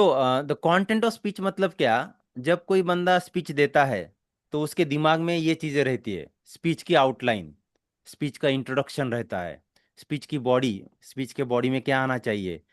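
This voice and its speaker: A man with an Indian accent teaches a spoken English class, explaining slowly and step by step in a mix of Hindi and English while repeatedly checking that students follow. His voice is mid-range, with clean studio sound and no room sound.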